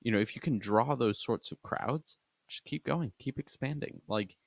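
A man's voice: medium pitch, normal speed, vocal fry, dry recording. A man co-hosting a casual sports podcast, earnestly arguing his view at length. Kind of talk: casual rugby talk.

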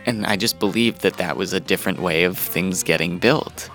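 A man with a low voice and moderate pace tells stories from his childhood in a casual, conversational way, chuckling as he goes. Music plays underneath.

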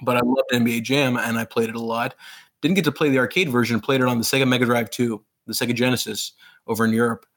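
A man in his thirties, raised in Pakistan, talking as an interview guest about his work. He speaks eagerly and loosely, piling on fillers and restarting sentences. His pitch sits in an ordinary middle range. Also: steady tone, fast talker, a bit bright. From grew up in Pakistan. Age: 30s. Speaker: author being interviewed. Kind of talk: casual interview storytelling.

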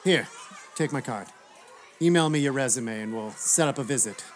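An actor playing a friendly, easygoing dad in a scripted comedy, chatting casually and approvingly. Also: male voice, mid-range voice, moderate pace, close to an everyday voice. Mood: encouraging. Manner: casual, complimentary. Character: friendly dad and stadium announcing coordinator, easygoing. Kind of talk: scripted screen comedy acting. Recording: light crowd and background noise.

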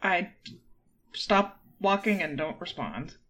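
Female tabletop player, bright and forceful tone, slightly low, wry casual chat, noisy background. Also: expressive, slow.

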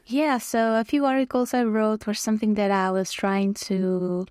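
A woman's voice: mid-range voice, fairly even intonation, moderate pace, a little mellow, clear, resonant tone, studio quality. Croatian-born woman guest, easygoing and giggly, says uh a lot, mid-range voice, no room echo. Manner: friendly, laughs often, many fillers. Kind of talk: casual chat.

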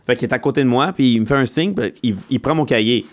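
A man's voice: medium pitch, fast talker. A man with a Quebec French accent, co-hosting a podcast in casual chat, telling stories with lots of restarts. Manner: animated storyteller, stammering restarts. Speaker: podcast co-host.

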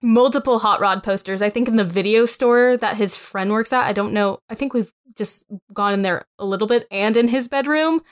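A woman co-hosting a casual podcast, chatty and quick to agree with the others. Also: on the high side, smooth. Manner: chatty, frequent agreeing murmurs. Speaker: podcast co-host. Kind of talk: casual chat reviewing a show.

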